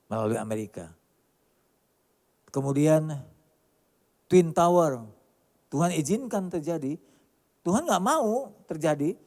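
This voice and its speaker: A male pastor preaching a sermon emphatically, with many rhetorical questions and sharp swings between loud and quiet delivery. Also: fairly high pitch. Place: large church hall. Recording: church hall reverb.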